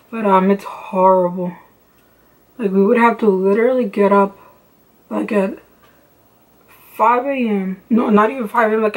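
A young woman rambles cheerfully while doing her makeup at home, recorded on a close camera mic. She talks in loose, chatty runs, stacking "like" and "um" as she goes. Her voice sits at a middle pitch for a woman. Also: low-quality recording. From Los Angeles, United States. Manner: chatty, rambling, many "like" and "um" fillers. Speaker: beauty vlogger. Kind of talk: casual makeup tutorial chat. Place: home bedroom with lamps and makeup shelves.

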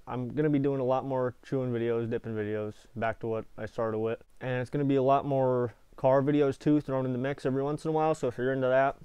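A man's voice: mid-range voice, darkish tone, smooth, dry recording. Young American man talking with dip in lip. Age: 20s. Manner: talks with a lip full of dip. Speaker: product reviewer, video channel host. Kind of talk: casual chat to camera. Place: small indoor space with foil-insulated walls.

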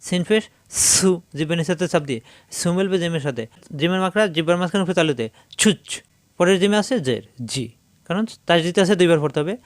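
A man teaching Quran reading step by step, his voice sitting slightly high and recorded close and dry. He drills each syllable slowly and repeats it, pausing to explain how it is formed. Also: no echo. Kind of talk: step-by-step recitation lesson.

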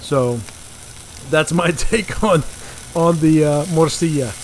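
A man's voice: a little high, takes it slowly, slight background noise. A middle-aged man hosting a casual home cooking show, chatty and enthusiastic, laughing often. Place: home kitchen indoors.

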